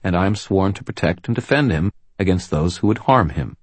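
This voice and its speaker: A man's voice: low-pitched, expressive, a little fast, dry recording, pitched above the performer's own voice. A man voicing a tough woman police officer who speaks firmly and defiantly in an audiobook. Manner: firm, clipped, defiant. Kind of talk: audiobook character voice.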